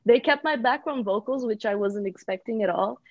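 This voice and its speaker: A woman's voice: on the high side, brisk, no echo. Young woman, from Brazil, chatty guest, laughs a lot, muffled dry recording. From Bulgaria, raised in Brazil. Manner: laughs often, chatty and upbeat. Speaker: guest singer-songwriter. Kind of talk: casual podcast chat.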